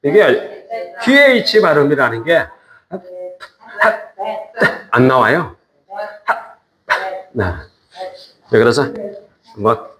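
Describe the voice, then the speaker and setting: A man teaching a class, patiently repeating each word and joking with students. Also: crowd noise. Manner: slow, lively pitch, drawn-out repetitions. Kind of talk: classroom lesson.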